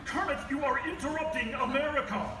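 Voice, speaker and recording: Stuffy patriotic eagle, pompous speechmaking in a puppet stage show; roomy echo, distant mic, music behind. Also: male voice, very high-pitched, a little fast. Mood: stuffy, proud. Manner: pompous, stern, formal oratory. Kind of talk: live theme park puppet show. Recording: echoey show from far off, music.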